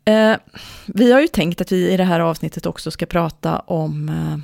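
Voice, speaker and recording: Podcast co-host, parent, heavy vocal fry, mid pitch, dry close recording. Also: darkish tone, dry recording. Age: adult parent. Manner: thoughtful, explanatory, with many pauses and fillers. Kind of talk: explaining parenting research in casual podcast chat.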